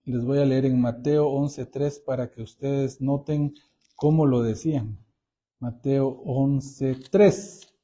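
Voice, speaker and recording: A man preaching a Bible-teaching sermon, explaining verses in a deliberate way and calling his listeners brothers. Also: mid-range voice, steady tone, dark tone.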